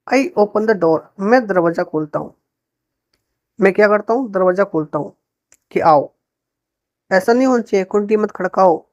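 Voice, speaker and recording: A woman teaching to Hindi speakers, repeating each sentence slowly and translating it with questions to the viewer. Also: medium pitch, darkish tone, no echo, highs cut off. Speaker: English teacher. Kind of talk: spoken English lesson for Hindi speakers.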